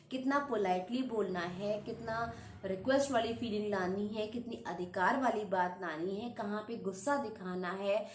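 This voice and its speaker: A woman teacher giving an explanatory lecture, mixing English terms into her speech and listing phrases in a steady, repetitive cadence. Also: medium pitch, roomy sound.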